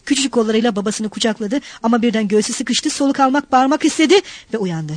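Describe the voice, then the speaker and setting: A woman reading a novel aloud as an audiobook narrator, in a brisk, dramatic manner. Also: on the high side, animated, a little mellow, no echo. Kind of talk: scripted literary narration. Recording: cassette audiobook.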